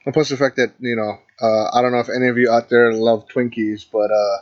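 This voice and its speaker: A man's voice: mid-range voice, little pitch movement, fairly quick. A young man co-hosting a podcast in casual chat, rambling and hesitant with many fillers. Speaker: podcast co-host. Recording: dull lo-fi mic.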